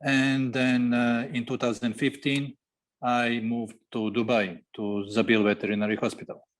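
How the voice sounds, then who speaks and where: A man, a guest veterinarian on a podcast interview, speaking haltingly with many fillers and grammar. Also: medium pitch, level tone. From Serbia. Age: 40s.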